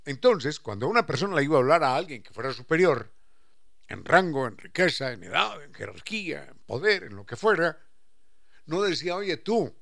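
Gravelly man explaining with lively emphasis. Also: a little high, brisk. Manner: expressive, acts out quoted speech, stretches key words. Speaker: speaker explaining language history.

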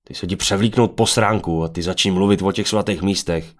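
Man doing a shouting hot-headed young man. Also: low voice, fairly even intonation, close to an everyday voice. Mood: impatient.

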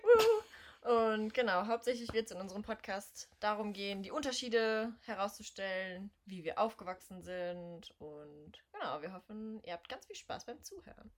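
A woman in her twenties co-hosting a casual podcast, chatty and quick to laugh between remarks. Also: medium pitch, sing-song. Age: 20s. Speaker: podcast co-host. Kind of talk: casual chat.

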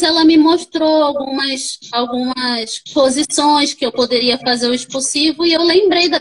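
High-voiced young Brazilian woman telling her story. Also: poor audio. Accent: Brazilian Portuguese. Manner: animated, acts out the voices of others. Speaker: podcast guest. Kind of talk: casual storytelling.

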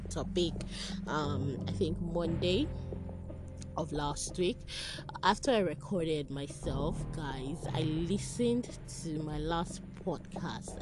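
A Nigerian-accented woman talks off the cuff on her own podcast. Her voice is on the lower side and animated, with phrases repeated for emphasis, and music is clearly audible behind her. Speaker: podcast host. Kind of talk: spontaneous casual solo podcast chat. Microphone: phone.

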